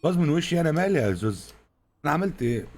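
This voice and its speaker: A man with an Egyptian Arabic accent giving live gameplay commentary, trading fast joking banter with his teammates. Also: on the high side, big pitch swings, a little mellow, soft background music. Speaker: gaming streamer.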